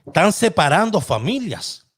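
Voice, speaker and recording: Sitting high in pitch, this man's voice is very animated, a bit bright and slightly rough, moving at normal speed. He's a middle-aged Dominican host delivering live opinion commentary, impassioned and colloquial, talking directly to his audience.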